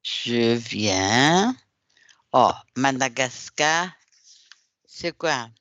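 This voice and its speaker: Over an online call, this man, a Brazilian whose first language is Portuguese, runs a French class drill, patiently correcting and repeating what students say. He speaks extremely slowly at a medium pitch, with lively intonation and a fairly bright tone; there is no room sound, but the recording is muffled.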